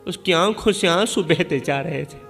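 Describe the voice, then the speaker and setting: A man's voice: on the high side, fairly bright tone. A man telling an emotional religious story in a melodramatic way, repeating lines for effect. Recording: long hall reverb with faint music.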